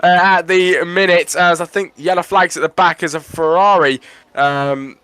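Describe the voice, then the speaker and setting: A man's voice: high voice, steady tone, normal speed, pushed and bright, smooth, dry recording. A man giving live motor racing commentary on an online race.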